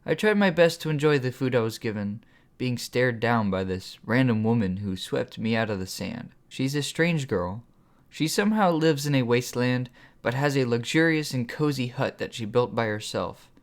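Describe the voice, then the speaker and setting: A man narrating his own first-person audiobook. His voice sits at an average pitch, and he reads in a steady, measured way.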